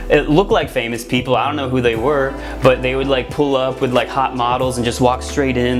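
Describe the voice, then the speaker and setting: A man in his twenties from Miami casually telling a story to camera, rambling with lots of "like" fillers. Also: mid-range voice. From Miami, USA. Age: 20s. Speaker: vlogger. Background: music playing underneath.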